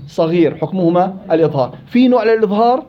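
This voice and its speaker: A man teaching a classroom tajweed lesson, quizzing his students with quick questions. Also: high-pitched, animated. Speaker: Quran recitation teacher. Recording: dull lo-fi classroom recording.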